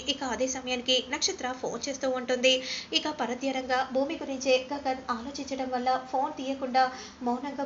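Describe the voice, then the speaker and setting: Woman narrating a serial recap. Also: high voice. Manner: switches between narration and acted dialogue. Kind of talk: storytelling recap, voicing all characters. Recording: slightly dull, faint noise.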